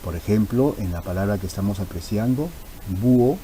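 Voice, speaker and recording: A man's voice: lowish voice, expressive, a little fast, dark tone, slight background noise, low-quality recording. A man teaching a grammar lesson, patient and repeating key terms for emphasis.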